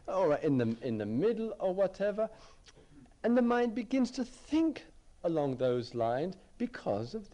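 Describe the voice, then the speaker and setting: A man's voice: on the high side, dark tone. A man giving a dharma talk as a meditation teacher, reflective, often repeating phrases as he searches for words.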